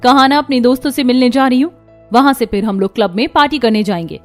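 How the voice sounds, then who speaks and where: A woman voicing a spoiled, sharp-tongued young daughter in an animated story, whiny and snappy. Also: fairly high pitch, quick pace, faint music behind, natural voice. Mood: defiant.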